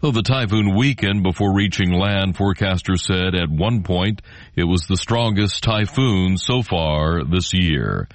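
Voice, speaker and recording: A man's voice: sits low, expressive, a little slow, no echo. A man with an American accent reading scripted world news as a radio anchor.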